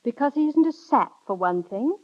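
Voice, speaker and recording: A woman's voice: sits high, animated, normal speed. An actress playing a proud, spirited young woman in love, in vintage radio drama style, on a dull old broadcast recording. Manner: spirited, indignant then tender. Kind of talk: 1930s radio drama acting.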